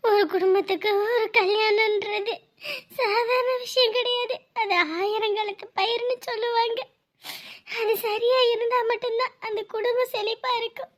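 A woman plays a distraught middle-aged mother in a TV drama who wails and pleads through her tears. Her voice sits very high and thin. Each line comes out as sobbing lament. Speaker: grieving mother. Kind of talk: Tamil TV drama acting.

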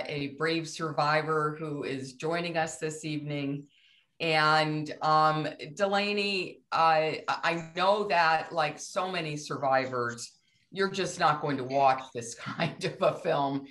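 A woman's voice: deep voice, fairly bright tone. Woman, panel moderator; introduces guests, restarts her sentences.

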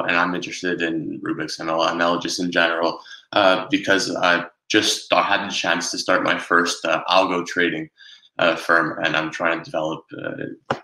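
A man's voice: low voice, bright, forceful tone, echoey room, rough recording. A young man from Montreal introducing himself hesitantly on a video call.

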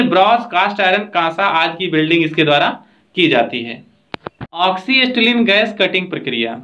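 A man's voice: high voice, fairly bright tone. A man teaching trade theory over slides, explaining steadily with frequent filler phrases. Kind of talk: slide lecture with annotations.

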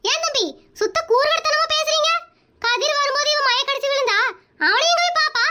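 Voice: extremely high pitch, fairly quick, pushed and bright, a little hiss or hum, heavily acted. A performer voicing a bossy, meddling middle-aged aunt in a comedy cartoon, scolding and nagging everyone around her.

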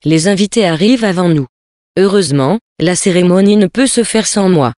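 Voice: medium pitch, expressive, normal speed, darkish tone, no echo, studio quality, natural voice. Reader doing a brash, jaunty adventurer. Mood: jaunty, ironic. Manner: bold, ironic, hearty.

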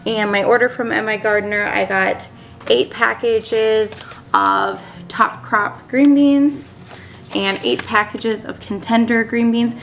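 A homesteading vlogger from Minnesota, USA, a woman in her thirties, chats casually to the camera at a wooden table in a small dining room while showing seed packets. Her voice is a little high, steady, gravelly and fairly bright, and she speaks slowly. She sounds upbeat, says "um" often, and soft music plays in the background.

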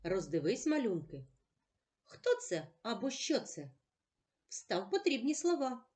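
Slow, lively-voiced woman teacher. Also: fairly high pitch. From Ukraine. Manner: patient, questioning and answering herself. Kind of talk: slow, clearly paced reading lesson for children.

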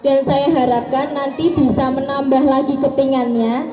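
A woman's voice: sits high, steady tone, moderate pace. A young woman co-hosting a live stage event and chatting as interviewer. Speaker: co-host interviewing a prize winner. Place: outdoor village stage on a covered porch. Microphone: handheld mic through PA, filmed from afar. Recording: muffled echoey PA from far off, music, crowd.

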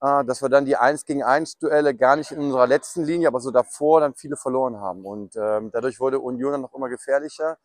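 A man's voice: medium pitch, quick pace, hardly any pauses, no room sound, clean studio sound. A man giving a spontaneous post-match football analysis, reflective and hesitant as he works through his thoughts.

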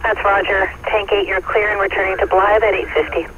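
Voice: mid-range voice, level tone, a little fast. A fire dispatcher speaking procedurally in terse police radio style over a two-way radio. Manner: procedural, repeats messages back. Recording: muffled, noisy two-way radio transmission.

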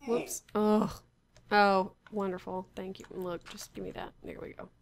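A woman's voice: mid-range voice, flat delivery, a little slow, vocal fry, a little hiss or hum. A woman casually talking to herself while playing a block-building game, unsure and wry, muttering about where she is. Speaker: Minecraft player. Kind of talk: casual gameplay commentary.

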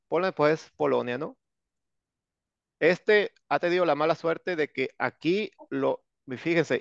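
A man's voice: a little high, creaky, no room sound. A man with a Mexican accent teaching an English class online, joking and sarcastic, with plenty of slang. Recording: dull lo-fi sound.

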